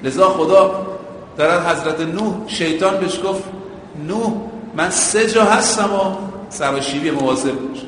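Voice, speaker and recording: A man's voice: sits high, a bit bright, slight background noise. A male preacher giving a sermon, using everyday driving comparisons and chanting quotations in Arabic. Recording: echoey hall with a long reverb.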